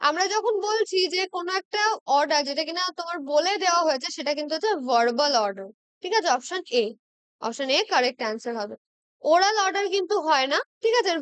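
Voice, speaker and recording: A woman with a Bengali accent teaching an exam-prep English lesson, patiently checking in with her students and reading example sentences out slowly. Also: high voice, no echo. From West Bengal, India. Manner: patient, checks in with "ঠিক আছে?" constantly.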